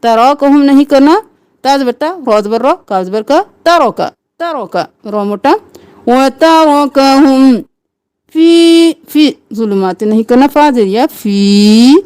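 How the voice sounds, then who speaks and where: A woman teaching Quranic recitation, drawing out verses slowly and explaining each sound briskly. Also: fairly high pitch, lively intonation, darkish tone, clean tone, dry recording. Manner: slow drawn-out melodic recitation between brisk spoken instructions. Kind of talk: tajweed lesson, alternating slow recitation and quick explanation.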